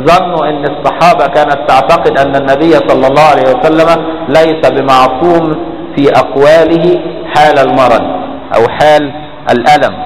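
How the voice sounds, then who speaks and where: A man's voice: fairly high pitch, fairly even intonation, fairly quick. A man with an Egyptian Arabic accent teaching a classical religious text in a colloquial lecture, often asking his listeners rhetorical questions to check they follow. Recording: echoey hall reverb, faint background noise.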